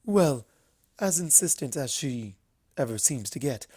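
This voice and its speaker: A narrator voicing a regal, reserved winged unicorn princess in a storybook reading, with formal, measured courtesy. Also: medium pitch, expressive, warm tone, husky. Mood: formal, composed. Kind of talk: storybook character voice.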